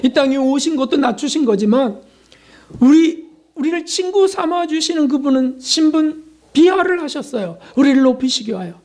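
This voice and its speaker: A man's voice: very high voice, expressive, normal speed, darkish tone. A male pastor giving a sermon in a conversational way, asking rhetorical questions and acting out short prayers and dialogues.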